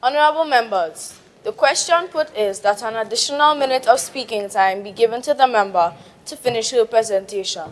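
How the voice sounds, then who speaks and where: A woman chairs assembly proceedings in a brisk, procedural way. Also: fairly high pitch. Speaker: presiding officer. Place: assembly chamber. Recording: noisy chamber feed.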